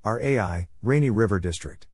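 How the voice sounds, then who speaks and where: A Morse code practice instructor, male, gives a scripted instructional read-out, spelling codes and place names letter by letter in short, isolated phrases. His fairly low voice is expressive and brisk, with a darkish tone, and a faint hiss or hum sits under the recording.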